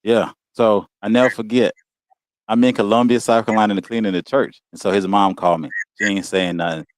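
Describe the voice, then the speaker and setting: A man's voice: on the low side, steady tone, quick pace, no echo. An American man telling a personal story as a podcast guest, in a casual, heartfelt way. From United States. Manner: informal, heartfelt, peppers speech with "man" and "you know what I'm saying".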